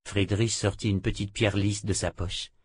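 A man narrating a fantasy audiobook in a measured voice. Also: fairly low pitch, level tone, breathy edge, no echo.

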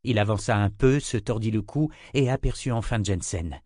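A man with a low voice reads an audiobook chapter in a measured, expressive way. His voice sits close to the mic in a dry, dead room with no echo. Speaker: audiobook narrator. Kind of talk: scripted narration.

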